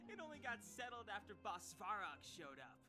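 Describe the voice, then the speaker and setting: A man's voice: sits high, big pitch swings, normal speed. An actor voicing a vagrant in a game who fervently preaches loyalty to his boss and pushes others to agree. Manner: fervent, pushy. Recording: game dialogue over music.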